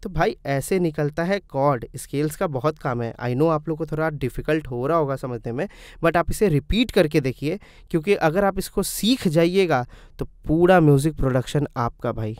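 A man's voice: on the high side, expressive, normal speed, few pauses, darkish tone, clean tone, no room sound, clean studio sound. A man teaching music theory step by step in a casual tutorial, asking and answering his own questions and calling viewers brother. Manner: calls viewers "brother" in friendly chat. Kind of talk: casual screen-recorded tutorial.

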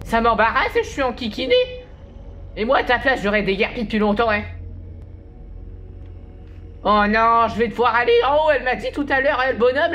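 A gaming video host comments on a horror game while playing, jumpy and exclamatory, often laughing through her nervous reactions. Her voice is on the high side and a bit bright.

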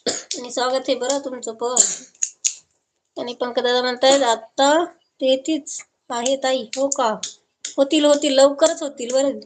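A woman's voice: sits high, level tone, normal speed, long pauses, background noise. A woman from Maharashtra chatting casually on a live stream, reading viewer comments aloud and answering each viewer affectionately.

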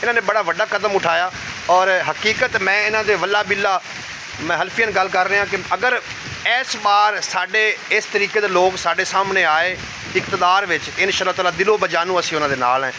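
A man in his thirties with a Punjabi accent vlogs from his village in light rain, interviewing a local on a phone held selfie-style at arm's length. His high voice keeps a fairly even intonation at normal speed over background noise. He gets louder when addressing viewers and quieter as he walks.

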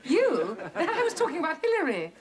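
Genteel English lady, high swooping voice, earnest, melodramatic, sitcom, loud audience. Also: wildly swooping pitch, brisk. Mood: earnest disbelief. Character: earnest, genteel, melodramatic woman, easily taken in. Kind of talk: 1970s studio sitcom acting. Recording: old TV studio, loud audience noise.

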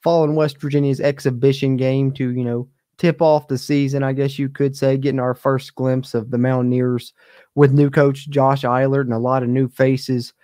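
A man's voice: medium pitch, level tone, moderate pace, mellow, no room sound. A young man hosting a live postgame sports webcast from a home studio. He talks casually with many fillers and reads out chat comments. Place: home streaming studio, indoors. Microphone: studio mic close on camera.

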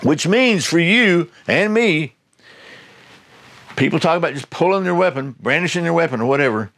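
A man's voice: a little high, fairly bright tone. Man telling a story casually. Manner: rambling, self-correcting, conversational. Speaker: channel host.

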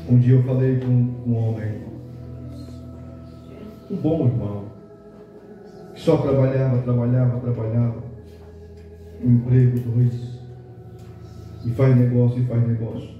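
A man's voice: mid-range voice, fairly even intonation, unhurried, long pauses, very echoey, far from the mic, narrow, tinny audio, faint music behind. A Brazilian man, a pastor, preaching a sermon and acting out the voices of the people in his stories. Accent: Brazilian Portuguese. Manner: storytelling preacher acting out dialogue.

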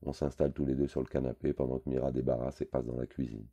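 Very deep, dark-voiced male storyteller. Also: level tone, fast talker. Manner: wry, conversational storytelling. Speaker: audiobook reader. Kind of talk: first-person novel narration.

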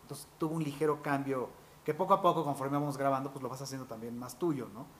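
Man, voice actor, interview anecdotes, quick talker, faint background noise. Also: medium pitch. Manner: animated, quick anecdotal storytelling with fillers like "este". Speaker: voice actor guest. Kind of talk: interview storytelling.

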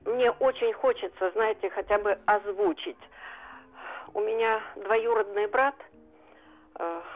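A woman in her seventies, calling a radio show and earnestly telling a long memory. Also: mid-range voice. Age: 70s. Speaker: radio caller. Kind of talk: phone-in recollection. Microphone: telephone. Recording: phone line.

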